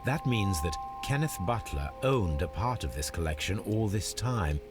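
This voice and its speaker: Sherlock Holmes, measured methodical detective. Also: male voice, deep voice, animated, music in the background. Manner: measured, deliberate deduction. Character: methodical, reserved male detective, middle-aged. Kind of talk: video game voice acting. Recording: game audio with noisy ambience behind.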